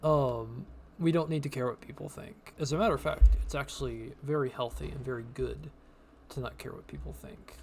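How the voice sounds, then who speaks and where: A man's voice: medium pitch, a little fast, vocal fry, darkish tone, a little hiss or hum. A man in his thirties chatting casually while playing a game, earnest and rambling, drifting into life advice. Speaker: podcast co-host playing a game. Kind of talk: casual chat while gaming.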